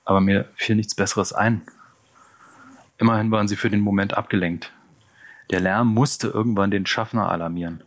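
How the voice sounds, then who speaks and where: A man narrating an audiobook in the first person, measured and tense. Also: on the low side, steady tone. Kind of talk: scripted narration.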